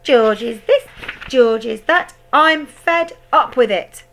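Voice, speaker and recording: A woman voicing a huge, greedy old grandmother who shouts and screeches shrilly at her family. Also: fairly high pitch, lively intonation, takes it slowly, slight background noise, pitched above the performer's own voice, heavily acted. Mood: screeching, furious.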